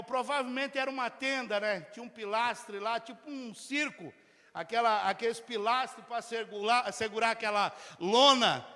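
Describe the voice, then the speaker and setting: A man from Mato Grosso preaching a sermon as pastor, swinging between shouted exhortation and quiet, chatty storytelling. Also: high voice. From Mato Grosso, Brazil. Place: church. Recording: reverberant church hall.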